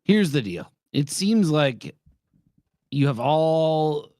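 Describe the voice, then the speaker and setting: A man's voice: fairly high pitch, sing-song, slow, darkish tone, no echo, clean studio sound. Blunt joking man in his forties. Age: 40s. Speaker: streamer co-host. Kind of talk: casual live-stream chat.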